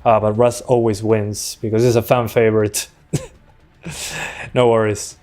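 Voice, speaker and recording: An easygoing Uruguayan man in his 20s, a native Spanish speaker, streams a shooter as a tech streamer, giving casual live commentary into a desktop USB mic. His voice is fairly low and slow; relaxed and chatty, he answers chat between fights while faint game gunfire sounds behind.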